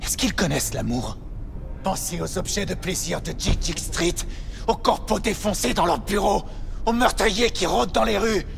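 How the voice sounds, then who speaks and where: Repentant convict turned believer, earnest preacher's fervour, creaky voice, dramatic game acting over music. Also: male voice, high voice, lively intonation, normal speed, fairly bright tone, full character voice. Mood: fervent. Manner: fervent, preaching. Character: earnest, devout male convict seeking redemption.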